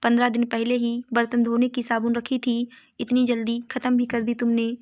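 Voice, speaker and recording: A woman narrator lightly acts the part of a strict, controlling mother-in-law from a storybook tale, scolding and bossy. Her voice is fairly high and darkish with little rise and fall, delivered completely flat at a normal speed.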